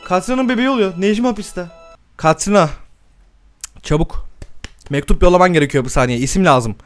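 A young man giving excitable live commentary on a game, swearing often and laughing a lot. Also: high voice, a little fast, soft background music. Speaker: gameplay streamer.

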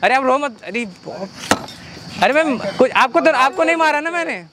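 A man staging a street prank by a car, shouting and threatening, then softly apologizing and coaxing. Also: very high-pitched, animated, normal speed. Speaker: prankster and channel host. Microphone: hidden camera mic. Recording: noisy outdoor street audio.

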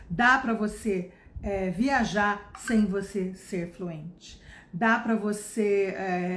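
A woman's voice: mid-range voice, echoey room. A Brazilian woman in her fifties, an English teacher giving a casual spoken lesson, chatty and emphatic with many tag questions. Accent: Brazilian Portuguese. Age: 50s.

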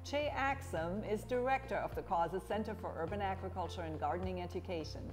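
A woman's voice: mid-range voice, a little fast. Woman narrating over music, roomy. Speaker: dean and show host. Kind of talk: scripted narration and interview questions.

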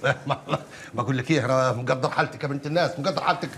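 A man's voice: medium pitch, steady tone, rapid-fire, fairly bright tone, slight background noise, lightly acted. An actor playing an older Egyptian uncle who soothes and placates his family. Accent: Egyptian Arabic.

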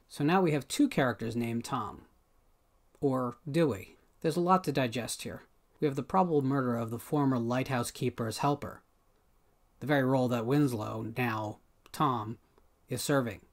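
A man in his thirties hosting his own channel, calmly delivering a scripted film analysis to camera in a small home room, measured and deliberate, with dramatic pauses. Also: medium pitch. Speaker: film critic host.

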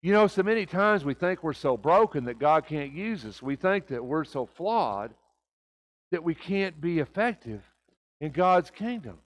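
A man's voice: a little high, big pitch swings, measured pace. Older man, preacher, conversational sermon, rhetorical questions, church sanctuary.

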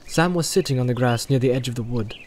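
A man narrating an audiobook in an expressive storytelling manner. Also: mid-range voice, fast, a little hiss or hum. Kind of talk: scripted narration.

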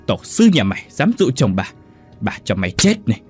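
A man's voice: lowish voice, big pitch swings, fairly quick, darkish tone, husky, soft background music. A man voicing a furious, violent older woman who screams insults in a dramatic audiobook telling.

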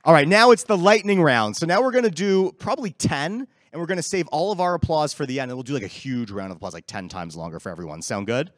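A man's voice: on the high side, animated, quick pace, few pauses, no echo, clean studio sound. A man hosting an open-mic event in a large council chamber, upbeat and joking with the crowd, speaking into a handheld mic. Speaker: event host.

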